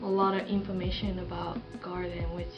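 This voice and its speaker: A woman's voice: on the low side, level tone, lo-fi sound, music in the background. A young woman from Japan with a Japanese accent, co-hosting a casual podcast in a careful, friendly way. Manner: slow, careful, friendly, laughs often. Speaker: podcast co-host, visitor services coordinator. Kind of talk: casual chat.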